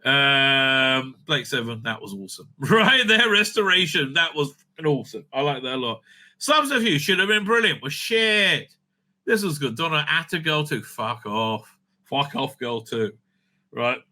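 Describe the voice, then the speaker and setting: Bright and pushed, this mid-range male voice moves at a measured pace with lots of expression. He hosts a fan review show, delivering an exasperated, profanity-laced rant and frequently ending his points with "right?"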